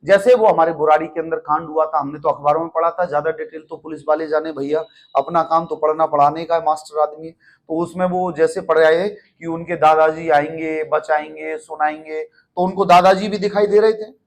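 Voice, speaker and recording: High-voiced teasing male teacher. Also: fairly even intonation, normal speed. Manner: playful, teasing, calls students 'beta'; mixes English terms into Hindi. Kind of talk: classroom lecture.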